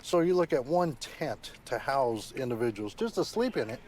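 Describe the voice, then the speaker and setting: A man speaking as a sheriff in a documentary interview, calmly laying out facts and figures. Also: medium pitch, normal speed, slight background noise. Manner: matter-of-fact, explains with figures.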